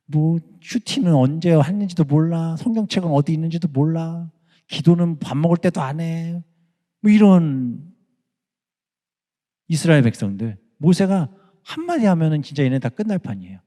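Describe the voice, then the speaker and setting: A man preaching a youth sermon as pastor, animated, acting out voices and prayers. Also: fairly high pitch, big-room sound.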